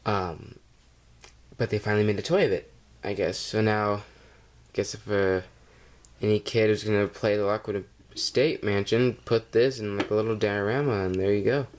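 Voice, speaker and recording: A man's voice: fairly low pitch, fairly even intonation, moderate pace. Hesitant man with a cold. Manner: rambling and hesitant, with many fillers. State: has a cold. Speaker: toy reviewer. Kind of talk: casual toy review vlog.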